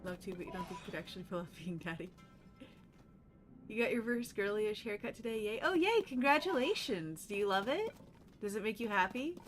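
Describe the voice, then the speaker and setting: A woman's voice: mid-range voice, a little fast, faint music behind. A woman streaming a game in a casual, playful and silly way, chatting with her viewers and the characters on screen. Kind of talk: casual gameplay livestream chat.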